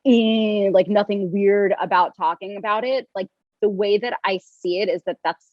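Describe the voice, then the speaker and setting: A woman's voice: medium pitch, normal speed, no echo, dull audio. A young woman talking as a podcast guest, rambling with many restarts and fillers. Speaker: podcast guest, yoga teacher and coach. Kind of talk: casual interview chat.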